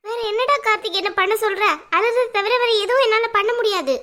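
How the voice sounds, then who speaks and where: A woman's voice: very high voice, fairly quick, a bit bright. A woman voicing a tearful, anxious middle-aged mother in a cartoon, pleading and scolding by turns. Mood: distressed. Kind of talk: cartoon voice acting.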